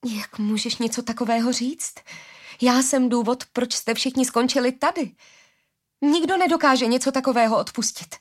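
A woman reading the lines of a remorseful, stubborn young woman in a storybook, in an emotional, pleading way and with a husky voice. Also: mid-range voice, pitched above the performer's own voice, close to an everyday voice. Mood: distraught.

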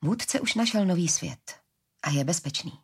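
A woman reading a story, voicing a calm, mysterious shapeshifting assassin who speaks quietly and unhurriedly, with a low husky voice.

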